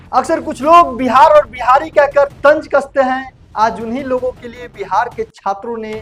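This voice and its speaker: A man anchors a casual online news report, chatting chummily with viewers and calling them brother. His voice is very high and a bit bright.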